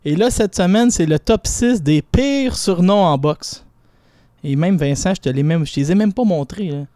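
A man with a Quebec French accent presents a lighthearted countdown on a radio show. His voice sits a bit high yet sounds warm and mellow, and he drags out names for effect. The sound is close and dry. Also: expressive, normal speed, dry recording. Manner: playful, chatty, stretches out names. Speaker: boxing segment contributor. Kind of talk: casual radio segment, counting down a list.

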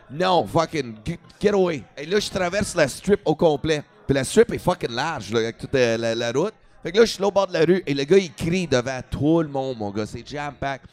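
Speaking casually with a Quebec French accent, this male comedian spins a story in a slightly high voice, switching to English now and then and cursing without restraint.

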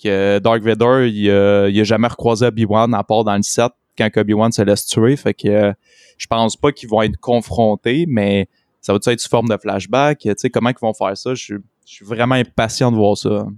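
A podcast co-host in his twenties chats casually about a TV series, speaking informal, slangy Québécois French sprinkled with English words. His fairly low, darkish voice keeps an even intonation at a moderate pace, in a dry, clean studio recording.

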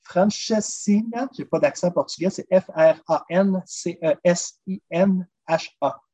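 On a dull lo-fi recording, a drummer and food traveler with a high voice and a Québécois accent guests on a podcast, explaining recipes with eagerness at a measured pace. He's lively and talkative in this relaxed interview, dropping "listen" again and again.

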